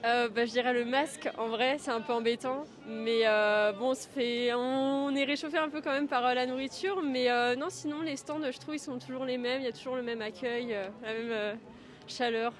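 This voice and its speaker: A young woman from Reims, a student, answering a street interview softly and hesitantly. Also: fairly high pitch, steady tone, moderate pace. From Reims, France. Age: young adult. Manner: soft-spoken, hesitant.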